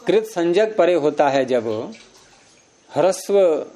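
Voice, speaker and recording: A man's voice: a little high, animated, slow pace, dark tone. A man teaching Sanskrit grammar, explaining step by step and quizzing his students with questions. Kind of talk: classroom lecture.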